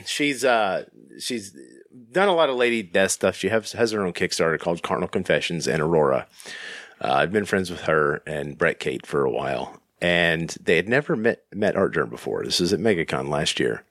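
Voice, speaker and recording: A man telling a casual podcast anecdote in a halting, rambling way, often repeating words. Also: sits low, animated, a bit bright, dry recording, studio quality.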